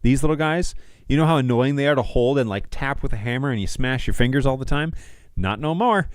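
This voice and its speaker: Speaking a little quickly in a clean, mid-range voice with no room sound, a man in his thirties hosts a laid-back livestream, chatting with viewers in a slangy, joking way. He is in a small indoor home studio, close to a studio mic on a stand.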